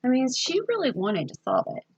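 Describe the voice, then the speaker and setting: A woman librarian reading a picture book aloud to children, with expressive sing-song storytelling and questions to her young listeners. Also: high-pitched, brisk, slightly rough, muffled recording.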